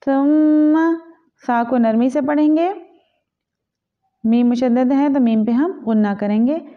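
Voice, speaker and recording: A woman teaching Quran recitation, chanting each word slowly and then explaining the rules quickly in a lower voice. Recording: tinny phone-like audio.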